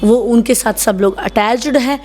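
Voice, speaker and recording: A woman in her thirties with a Haryanvi accent, a salon owner talking in an interview in a blunt, rough-and-tough, emphatic way. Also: on the high side, moderate pace, darkish tone. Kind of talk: casual interview talk.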